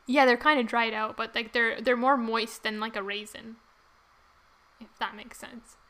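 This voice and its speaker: Young woman co-host, bright and fairly high voice, bubbly, giggly chat. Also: steady tone, normal speed. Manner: bubbly, giggly, lots of fillers. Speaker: podcast co-host. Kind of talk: casual chat.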